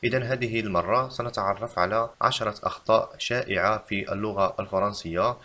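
Guy explaining french grammar, lowish voice, says the french bits super slow. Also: pushed and bright. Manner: reads French examples slowly and deliberately. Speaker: French teacher.

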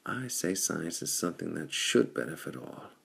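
Male narrator doing a resolute pirate captain: very low, gravelly, earnest. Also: sing-song, normal speed, fairly bright tone, heavily acted. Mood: determined. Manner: earnest, determined. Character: bold red-haired pirate chief, adult male, defiant.

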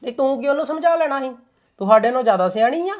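A man's voice: high-pitched, lightly acted. An actor playing a young Punjabi farmer with a Punjabi accent, talking with his mother and wife in a family drama. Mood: insistent. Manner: fast, assertive, dismissive when irritated. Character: young Punjabi farmer, stubborn, short-tempered husband. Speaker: young farmer son and husband. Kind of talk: Punjabi web drama acting.

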